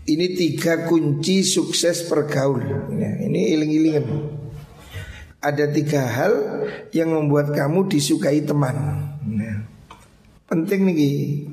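A Javanese-accented male cleric teaches a religious text, his voice sitting fairly high for a man. He works through Arabic phrase by phrase, with emphatic rhetorical questions. The recording carries a roomy echo. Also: slow, long pauses, darkish tone. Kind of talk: religious study lecture. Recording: roomy echoey hall.

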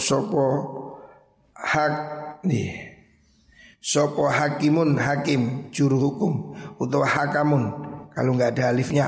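A man's voice: medium pitch, gravelly, a little mellow, reverberant, long reverb tail. A man with a Javanese accent giving a religious lecture, explaining Arabic text in Indonesian and Javanese and repeating his advice. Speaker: preacher teaching a hadith book.

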